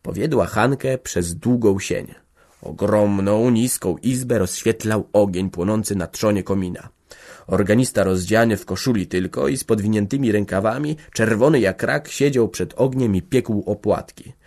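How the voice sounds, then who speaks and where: A man narrating a classic novel as an audiobook in a calm, measured way. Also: on the low side. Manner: calm, measured, unhurried reading.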